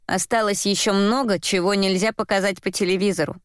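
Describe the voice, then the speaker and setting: A woman's voice: mid-range voice, fairly even intonation, brisk, clear, resonant tone, no room sound. Woman narrating an audiobook, dry sound. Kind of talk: scripted narration.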